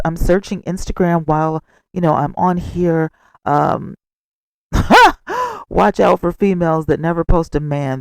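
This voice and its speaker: A man hosting a gossip vlog with casual, expressive commentary and chatty asides, speaking close to the microphone. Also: on the high side, vocal fry, clean tone, dry recording, poor audio. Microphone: close microphone without a cover.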